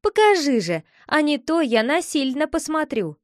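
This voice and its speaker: A woman's voice: high-pitched, expressive, measured pace, dry recording, clean studio sound. A woman voicing a curious young boy who keeps begging his sister to show him a secret, wheedling and insistent. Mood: pleading.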